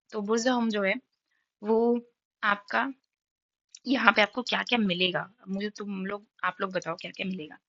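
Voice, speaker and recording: A woman's voice: mid-range voice, steady tone, unhurried, long pauses, a bit bright, no room sound, lo-fi sound. Woman teacher, sore-throated. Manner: quizzes students and answers herself in their voice; repeats key facts with frequent "ठीक है?". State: sore throat, clears it often. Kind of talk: exam-prep map lesson.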